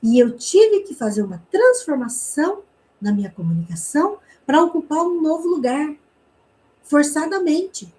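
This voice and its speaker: A Brazilian woman from the interior of Paraná teaching a communication class. Her voice sits high but has a mellow, dark tone. She talks in a chatty way, checks in with her listeners, and slips into quick bits of acted-out dialogue. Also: sing-song, rough recording. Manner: chatty, frequent "né?" tags, quick reenacted dialogue. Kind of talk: personal story in an online class.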